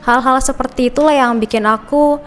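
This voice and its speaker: Brief: young female student guest from Indonesia, higher voice, measured and polite. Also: fairly even intonation. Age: young adult. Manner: polite, measured answers with short agreements. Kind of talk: casual podcast interview.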